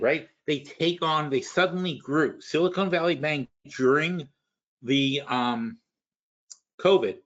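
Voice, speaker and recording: A man talks through money examples for a webinar audience, restarting sentences and circling back as he explains. His voice sits a little high. The audio is dull and lo-fi, like a recorded online session. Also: fairly bright tone. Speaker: webinar host.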